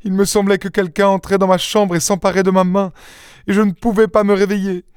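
A man's voice: high voice, sing-song, slow pace, darkish tone, no room sound, clean studio sound, pitched above the performer's own voice, exaggerated voice. A man voicing a desperate young noblewoman who pleads frantically and sobs in an audiobook. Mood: frantic. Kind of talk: audiobook character reading.

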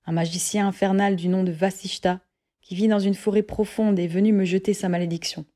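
A woman's voice: mid-range voice, fairly even intonation, brisk, mellow, natural voice. A woman voicing a frightened, haunted tyrant king who speaks in an uneasy, pleading way.

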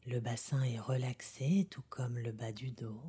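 Very low, breathy woman narrating sleep meditation. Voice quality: soft, breathy, half-whispered. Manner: calm, gentle, unhurried with long pauses. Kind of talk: soothing guided meditation narration in the manner of a sleep story narrator. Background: music.

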